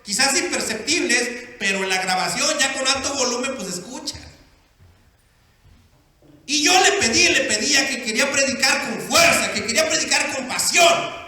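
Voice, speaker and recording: A man's voice: very high voice, sharp tone. A male pastor preaching a sermon, playful and acting out the characters in his stories. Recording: echoey hall with long reverb.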